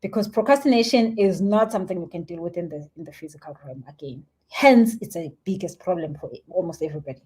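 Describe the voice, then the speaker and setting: A young South African woman giving spiritual advice in a casual live stream, animated and chatty, sometimes dropping to a soft near-whisper. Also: lowish voice, fast talker, hardly any pauses, slightly rough. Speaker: spiritual teacher answering viewer comments.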